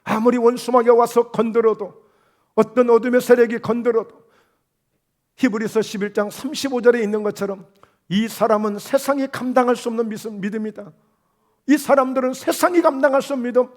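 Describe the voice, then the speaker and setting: A man's voice: very high voice, fairly even intonation, a little fast. A male pastor preaching a Sunday sermon, emphatic, with rhetorical questions and scolding asides.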